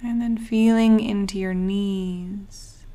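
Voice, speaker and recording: A woman guiding a breathing meditation as a coach, soothing and unhurried, with long pauses and a breathy voice that often trails toward a whisper. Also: medium pitch, fairly even intonation, mellow.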